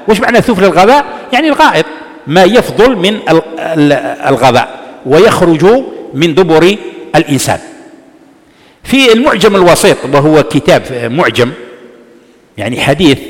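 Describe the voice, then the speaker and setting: A man giving a religious lesson, explaining a text and answering his own rhetorical questions. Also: fairly high pitch. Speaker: religious teacher. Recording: long reverb of a large hall.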